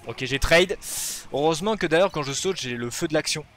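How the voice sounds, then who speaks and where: Excitable gamer commentating live play. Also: male voice, fairly high pitch, fairly quick, slight background noise. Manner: excitable, shouts at plays then talks himself down. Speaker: gaming video host. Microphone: headset or desk mic.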